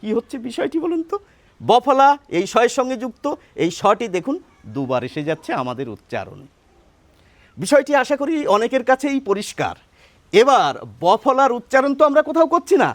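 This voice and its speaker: A man's voice: very high-pitched, no room sound. A man teaching a pronunciation lesson, patiently explaining and asking his listeners questions, then answering them himself.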